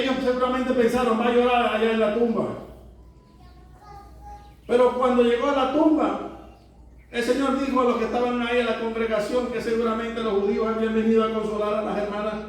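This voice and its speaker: Very high-voiced male pastor in an echoey church. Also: recorded from a distance. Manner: preaching with rhetorical questions to the congregation. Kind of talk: sermon. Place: church sanctuary.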